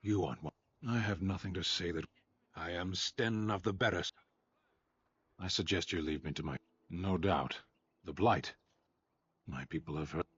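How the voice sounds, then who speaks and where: A cold, stoic warrior giant. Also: male voice, sits low, unhurried, pauses often, a bit bright, breathy edge, full character voice. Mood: stern. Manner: terse, grave. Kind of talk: video game voice acting. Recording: muffled game audio from afar.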